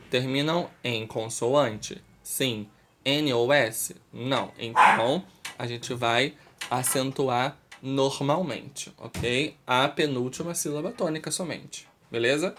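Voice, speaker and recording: Brazilian man, language teacher, unhurried lesson delivery, mid-pitched, keeps checking in with students. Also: fairly bright tone. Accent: Brazilian Portuguese. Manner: slow and deliberate, checks understanding with "ok?". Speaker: Spanish teacher. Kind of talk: recorded school lesson.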